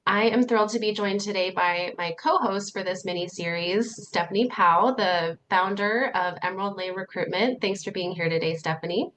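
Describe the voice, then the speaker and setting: A woman's voice: medium pitch, normal speed, few pauses, fairly bright tone, slight background noise, poor audio. A woman hosting a podcast, welcoming a guest and introducing the show in an upbeat manner, with some fillers. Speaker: podcast host.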